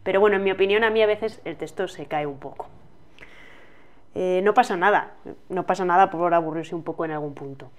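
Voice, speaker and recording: A woman's voice: lowish voice, fairly quick, dull audio. A woman with a Spain Spanish accent co-hosting a book channel, giving frank opinions and laughing easily. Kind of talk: book review chat.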